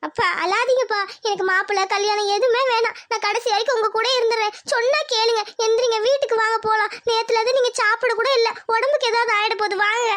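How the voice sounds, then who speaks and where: Performer as a tearful young village daughter in a cartoon, squeaky high voice. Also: steady tone, fast talker, few pauses. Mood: pleading. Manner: soft, pleading.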